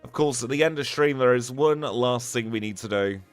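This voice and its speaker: A man's voice: mid-range voice, moderate pace, smooth, soft background music. Chatty man streaming a game. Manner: chatty, upbeat, thanks viewers one by one. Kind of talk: live stream sign-off chat.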